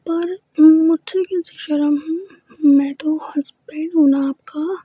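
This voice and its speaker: A woman's voice: sits high, steady tone, slow, warm tone, dry recording. A woman whispering as a teasing, confident lover. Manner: playful coaxing murmurs. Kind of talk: whispered role-play. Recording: dull lo-fi recording.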